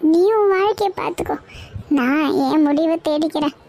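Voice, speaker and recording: A woman's voice: high voice, normal speed, darkish tone. An actress playing a middle-aged mother, reproachful and guilt-tripping, in a TV serial scene. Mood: bitter. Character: bitter, self-pitying middle-aged mother.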